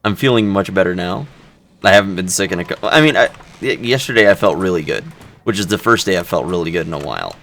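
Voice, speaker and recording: A man with a very deep voice that swings widely in pitch, chatting casually as a game mod developer. He is laid-back and joking, and he stumbles over the names of things. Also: lively intonation, fast talker, fairly bright tone. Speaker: mod developer, server host. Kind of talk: casual voice chat.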